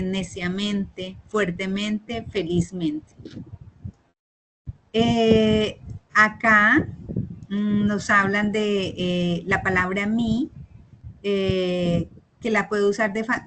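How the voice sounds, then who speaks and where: Woman teacher, online lesson, patient and halting, mid pitch, faint hiss behind. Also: a bit bright, poor audio. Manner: patient, many fillers, checks in with "¿no?". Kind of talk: online class explaining spelling rules. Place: online meeting recording. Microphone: computer mic on a video call.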